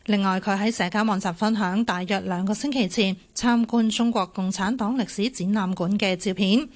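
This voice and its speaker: Female news reporter, Hong Kong Cantonese, average pitch, formal scripted radio delivery. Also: fairly even intonation, moderate pace.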